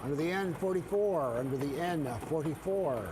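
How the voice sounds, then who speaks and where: A middle-aged man with a Canadian accent working as a bingo caller on a live broadcast, announcing and repeating each call in a measured, formulaic cadence. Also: on the high side, noisy background.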